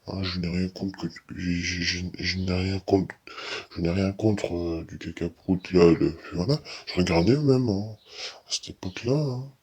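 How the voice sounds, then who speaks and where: A young man of eighteen talks through a disguised, altered voice that sounds very deep. The tone is slightly husky, and he circles back over his own sentences with many false starts as he gives a casual opinion. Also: unhurried, a little mellow. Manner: rambling, with many restarts and repeats. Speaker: YouTuber.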